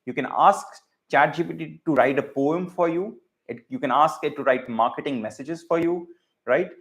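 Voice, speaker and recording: A man's voice: a little high, normal speed, a bit bright. A man from India with a polished, educated Indian accent, teaching in an informal lecture style and often checking in with "right?". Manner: explanatory, checks in with frequent "right?". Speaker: data science teacher.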